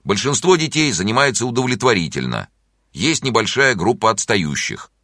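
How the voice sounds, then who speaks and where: A man's voice: fairly low pitch, very animated, moderate pace, pushed and bright, no room sound, studio quality, voice pushed up, exaggerated voice. A man voicing an exasperated male school art teacher who complains with dismay about a pupil. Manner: complaining, head-clutching dismay.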